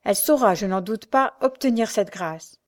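A woman's voice: mid-range voice, normal speed, natural voice. A woman reading the part of a kindly, confident elderly male doctor in an audiobook, with a paternal, reassuring manner.

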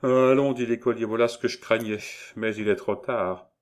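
Pushy young student read by a man, loud and impatient, audiobook. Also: lowish voice, fairly even intonation, moderate pace, close to an everyday voice. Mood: insistent. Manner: loud, insistent, exasperated. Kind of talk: audiobook character reading.

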